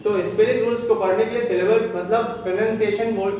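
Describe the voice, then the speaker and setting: Man teaching, high voice, repeats and spells words out, distant mic, very echoey room, faint hiss. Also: fairly even intonation, darkish tone. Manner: explains slowly, repeats terms, spells out words. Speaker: English teacher. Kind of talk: Hindi lesson on English spelling.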